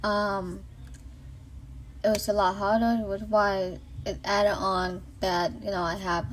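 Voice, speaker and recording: A Boston-area woman in her late thirties, with a Boston accent, shares her faith testimony as a vlogger, speaking slowly at medium pitch with little pitch movement. Recorded on an iPhone with slight hiss or hum, her casual testimony is earnest and rambling, full of fillers and restarts.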